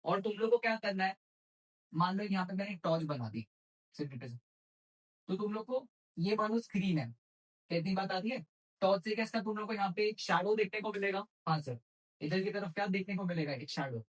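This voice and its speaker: A man's voice: sits high, fairly quick, rough recording. A man teaching physics to exam students. He talks in Hindi mixed with English terms and keeps asking the class questions and then answering them himself. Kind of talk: exam-prep physics lecture.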